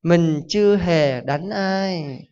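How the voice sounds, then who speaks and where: A serene young novice monk, as a preacher puts him on, answers in a slow, soft, unhurried voice. The sound is dull and lo-fi. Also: male voice, fairly high pitch, clean tone. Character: calm young male novice monk, unflappable. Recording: dull lo-fi recording.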